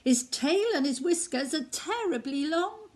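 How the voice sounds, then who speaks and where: Woman doing the gruffalo's child, little monster girl, brave and curious, bouncy pitch. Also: very animated, takes it slowly, mellow, heavily acted. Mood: awed. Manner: bold, curious, wide-eyed.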